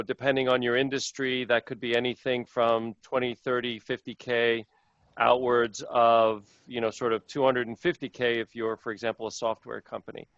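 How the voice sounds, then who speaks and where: A man's voice: mid-range voice, fairly bright tone, no room sound. Man answering webinar questions, dull line. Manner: conversational, thinking aloud with hedges. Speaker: panelist, manufacturing business owner.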